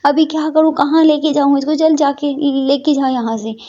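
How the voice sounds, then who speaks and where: A woman's voice: sits high, moderate pace, mellow, pitched above the performer's own voice, natural voice. A woman voicing an anxious young man who stammers on his words. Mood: nervous. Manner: stammering, nervous. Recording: dull lo-fi recording.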